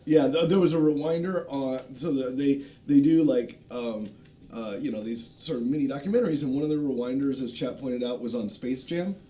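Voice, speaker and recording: Over a low background rumble, a game designer guest with a dark-toned voice recommends video channels during a relaxed panel conversation. His delivery stumbles along, full of ums and lengthy pauses.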